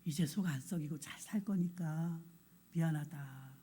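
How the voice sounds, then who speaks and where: Woman playing a remorseful father, low, soft and confessional, husky mellow tone. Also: unhurried, exaggerated voice. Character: remorseful middle-aged father apologizing to his son.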